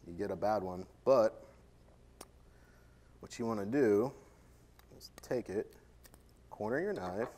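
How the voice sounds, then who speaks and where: A man's voice: on the low side, takes it slowly, long pauses, mellow. A man, a chef, giving a live cooking demonstration on a conference stage, joking and chatting with the audience. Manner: joking, chatty, self-deprecating, playful with the audience. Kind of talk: live cooking demo keynote.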